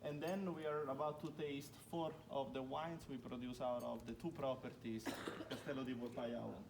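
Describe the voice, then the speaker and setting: With medium pitch, little pitch movement, a moderate pace and vocal fry, a young Italian man with an Italian accent gives a chatty winery tour to a group, emphasizing with "very" after "very." It's outdoors on a stone village street, and the phone camera recording from within the crowd sounds distant under loud outdoor noise.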